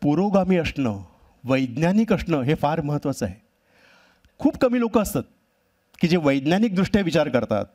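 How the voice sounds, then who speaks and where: A cartoonist giving a wry, humorous storytelling talk on a festival stage. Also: male voice, fairly high pitch, big pitch swings, moderate pace, pauses often, darkish tone. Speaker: cartoonist speaker. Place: live event stage.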